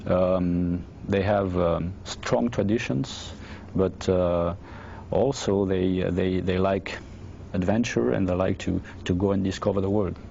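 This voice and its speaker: Man, French accent, very low gravelly voice, flat and mellow, hesitant interview answers, dull lo-fi recording. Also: a little hiss or hum. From France. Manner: halting, many fillers and restarts. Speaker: astronaut. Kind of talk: documentary interview.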